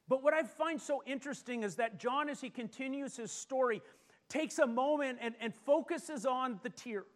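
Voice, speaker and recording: High-voiced pastor telling stories. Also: male voice. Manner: animated, self-deprecating storytelling. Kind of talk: sermon with personal stories.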